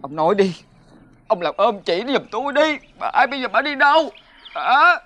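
A man's voice: very high voice, very animated, normal speed, sharp tone, exaggerated voice. An actor playing a distraught older man who wails and pleads in tears, searching for a missing woman. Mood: pleading. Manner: wailing, pleading, tearful. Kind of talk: comedy drama acting.

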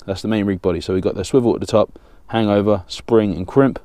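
Deep-voiced man explaining a fishing rig. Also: fairly even intonation, quick pace, dark tone, no room sound. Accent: southern English. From England. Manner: plain, practical, talks while working with his hands. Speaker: fishing channel host. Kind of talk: step-by-step tutorial. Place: small indoor studio with banner backdrop.

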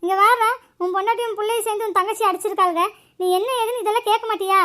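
A woman voicing an older grandmother, a bossy, quick-tempered mother-in-law who nags and scolds. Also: very high-pitched, fairly even intonation, a bit bright. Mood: scolding. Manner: scolding, nagging.

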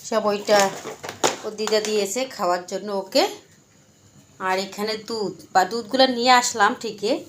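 A slightly hoarse woman vlogging into a handheld phone, chatting to her viewers. She narrates everything she is doing, repeats herself and sits at a mid pitch. A faint hiss of background noise sits under her voice. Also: moderate pace, long pauses. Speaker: vlogger, mother. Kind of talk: casual vlog narration to viewers.

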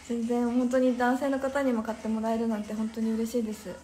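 High-voiced young woman chatting on her phone live, laughs a lot, roomy echo, faint music behind. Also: monotone, a little fast, mellow. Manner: bubbly, laughs often, chatty with the viewers. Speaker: Instagram live host. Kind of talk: casual live-stream chat reading comments.

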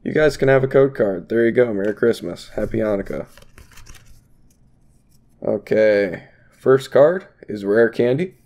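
This card-opening YouTuber, a young man with a stuffy, cold-affected voice, talks loosely to viewers as he unboxes packs indoors at his desk. He speaks on the low side with lively intonation and a slightly mellow quality, at a measured pace with frequent pauses, rambling easily and leaning on fillers.

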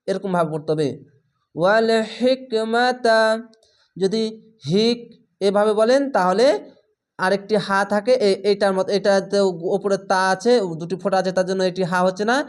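A man teaching recitation step by step, slowly drawing out each recited word and then explaining it plainly. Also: sits high. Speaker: Quran reading teacher.

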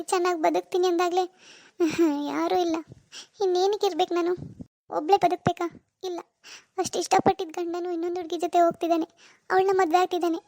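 A woman's voice: very high voice, darkish tone. A woman voicing a heartbroken young wife in a cartoon, tearful and resigned. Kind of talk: animated cartoon dialogue.

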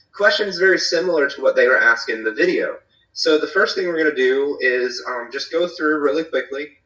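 A man from North Carolina leads a casual church small group over a video call, talking in a friendly, rambling way full of fillers and restarts. His voice is bright but sounds echoey and distant. The audio is dull, like a laptop call. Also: mid-range voice. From eastern North Carolina.

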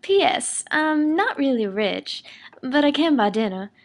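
A woman's voice: high-pitched, sing-song, a little slow, exaggerated voice. A woman voicing Toni, a polite, bubbly young woman, in a fan audio drama. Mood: earnest.

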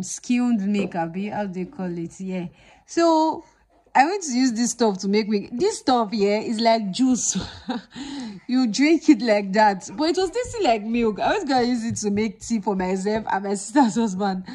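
A woman's voice: medium pitch, a little mellow. A young woman with a Nigerian English accent, chatting playfully to her vlog camera and slipping into pidgin phrases. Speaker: vlogger. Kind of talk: casual vlog chat to camera.

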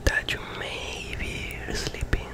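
A young man performs fast aggressive ASMR entirely in a whisper. He speaks right up against a condenser microphone in a small room. His short words and phrases come in repeated bursts. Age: young adult. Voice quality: whispered, unvoiced. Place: small plain room indoors. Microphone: large desk condenser microphone, very close.

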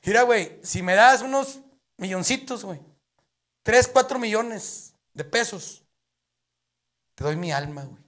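A man voicing a desperate man in debt who yells and pleads. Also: high voice, animated, measured pace, long pauses, voice pushed up. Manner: shouting, pleading. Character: desperate indebted man yelling for the devil.

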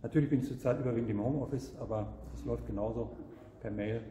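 A man's voice: mid-range voice, steady tone, fast, warm tone, slight background noise. Middle-aged man explaining in an echoey hall. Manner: earnest, hesitant with frequent fillers. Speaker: product seller, guest. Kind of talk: casual product explanation. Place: camper showroom, large indoor hall. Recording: roomy hall with long reverb.

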